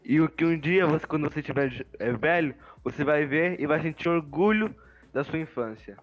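A young man speaks earnestly to his podcast listeners, offering advice in a slightly high voice. The sound is muffled and lo-fi, with faint music behind him. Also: moderate pace. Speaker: podcast co-host. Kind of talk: casual podcast chat.

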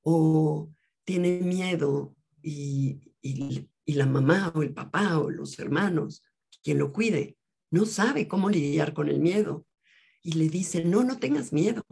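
A woman therapist, a guest on an interview show, explaining things in a measured, teaching way. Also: low-pitched, vocal fry, darkish tone, breathy edge. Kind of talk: calm explanatory interview talk.

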